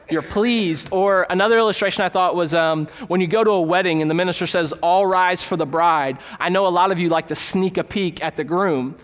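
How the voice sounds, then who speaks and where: Conversational pastor with a hall echo. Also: male voice, fairly high pitch. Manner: conversational, illustrates with everyday stories. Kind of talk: sermon. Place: church sanctuary.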